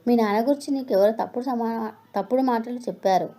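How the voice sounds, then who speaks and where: A woman voicing an elderly retired male schoolteacher who lectures in a stern, moralizing way, in a mellow voice. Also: fairly high pitch, a little fast, lightly acted. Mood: questioning. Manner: lecturing, preachy.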